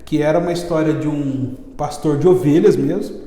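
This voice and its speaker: A man with a Brazilian accent, a chess teacher chatting casually in an interview and telling stories in a lively, slangy way. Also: on the high side, normal speed. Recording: echoey room with long reverb.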